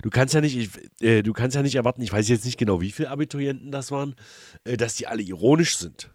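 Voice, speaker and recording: A man's voice: mid-range voice, fast, a little mellow, no echo, clean studio sound. A man co-hosting a casual podcast chat, sarcastic with exasperated asides. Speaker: podcast co-host.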